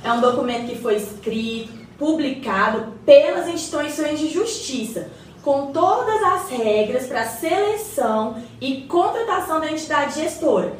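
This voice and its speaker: In a colloquial radio drama, a Brazilian woman plays a knowledgeable, supportive neighbour who patiently explains things, speaking to her neighbour with respect. Her high voice has lively intonation and a measured pace, recorded from a distance with roomy echo and faint noise.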